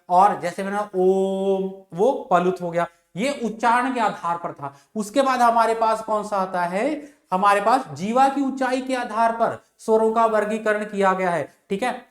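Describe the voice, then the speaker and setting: This high-pitched male teacher, recorded in an echoey room, lectures his class by asking questions he then answers. Each point gets repeated, and he elongates vowels to illustrate them.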